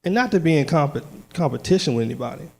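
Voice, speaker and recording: A man's voice: fairly high pitch, lively intonation, fast. A man giving a personal testimony at a church service, casual and earnest, laughing often, turning firm and declarative. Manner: nervous at first, then firm and declaring. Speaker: lay speaker giving testimony. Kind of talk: church testimony and short sermon.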